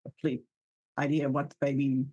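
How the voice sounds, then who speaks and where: A man at a tabletop game who speaks haltingly, with many fillers and restarts. His voice is husky and mid-pitched. It sounds dry and close to the mic. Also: monotone, a little mellow, dry recording, lo-fi sound. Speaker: player. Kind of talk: casual tabletop game talk, partly in character.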